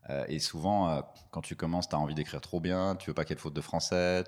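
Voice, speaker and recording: A man's voice: steady tone, quick pace, darkish tone. A man who does stand-up, chatting casually in an interview, slangy and laid-back, rambling as he goes. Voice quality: very deep voice. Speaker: stand-up comedian.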